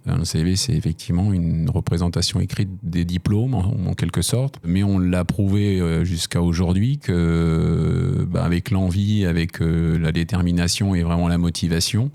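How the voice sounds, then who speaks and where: A man's voice: sits low, vocal fry, dark tone. A man, a company executive at a round-table discussion, speaking earnestly and with emphasis.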